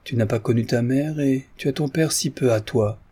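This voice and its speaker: A man reading an audiobook, voicing a gentle, reserved young woman who speaks softly. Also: mid-range voice, normal speed, husky, natural voice.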